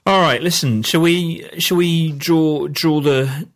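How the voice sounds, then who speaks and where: A man hosting a casual podcast chat, relaxed and drily joking as he steers the talk. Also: fairly high pitch, slow. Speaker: podcast host.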